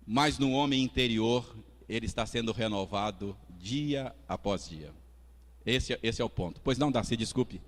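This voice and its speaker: A man with a Brazilian Portuguese accent, a pastor preaching a Sunday school sermon in a conversational way, chatting with the congregation between points. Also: mid-range voice. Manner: lively, conversational preaching with audience asides and acted quotes. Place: church hall. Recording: long church reverb.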